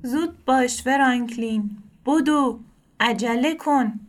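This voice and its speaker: A woman voicing a small, slow snail who speaks in a pleading, tearful way in a storybook reading. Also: a little high, natural voice.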